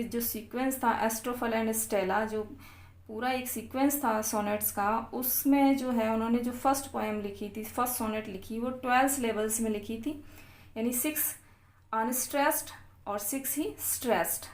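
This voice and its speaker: A woman teaching literature for exam prep, reading English points slowly and explaining each in Hindi with questions to the class. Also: on the high side, steady tone, roomy sound.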